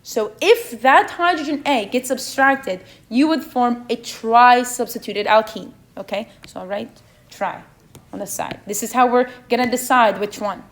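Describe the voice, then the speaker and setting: A woman's voice: fairly high pitch, unhurried. A young woman with a non-native English accent leading an exam review session, asking the students questions and checking in with "okay?" as she goes. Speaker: chemistry review session leader.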